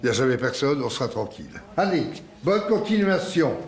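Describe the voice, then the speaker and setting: An actor playing a gruff older retiree who coaches a young man in boxing, blunt and commanding. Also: mid-range voice, big pitch swings, fairly quick, close to an everyday voice. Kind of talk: film dialogue.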